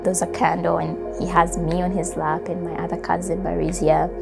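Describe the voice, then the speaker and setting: A young woman from Congo recalls her life in a reflective, unhurried way, full of "like" and "you know." Her voice sits low with a gravelly, creaky edge. Music plays clearly underneath her. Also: flat delivery. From Democratic Republic of Congo. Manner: reflective, with frequent fillers and soft laughs. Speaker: interviewee. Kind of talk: personal storytelling.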